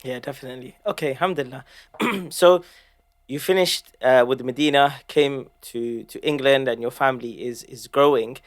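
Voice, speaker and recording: A man hosting a podcast interview, asking his guest questions in a slow, considered way. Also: medium pitch. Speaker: podcast host.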